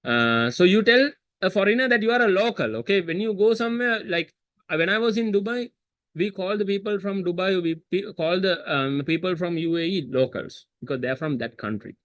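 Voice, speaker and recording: A man's voice: high voice, animated, fairly quick, a bit bright, no echo. A man teaching a history seminar over a video call, repeating key terms and quizzing students with chatty asides. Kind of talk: online seminar lesson. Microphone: computer mic on video call.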